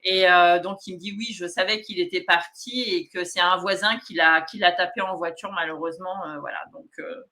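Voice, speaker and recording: A woman medium telling anecdotes in a casual interview, animated and laughing often. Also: fairly low pitch, a little fast, hardly any pauses. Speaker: medium, guest. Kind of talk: casual storytelling.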